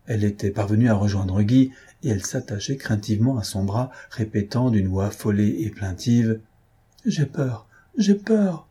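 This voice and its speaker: A man reading a novel aloud as a narrator, in a measured, even storytelling manner. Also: lowish voice, slightly rough. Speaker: audiobook reader.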